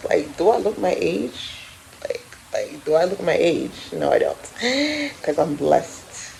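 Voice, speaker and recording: A woman in her 30s, a vlogger, chats casually to camera for her viewers from her apartment at home. Her voice sits on the low side, slow and creaky, and she's chatty and animated, laughing often and addressing viewers directly. The audio is poor, with slight background noise.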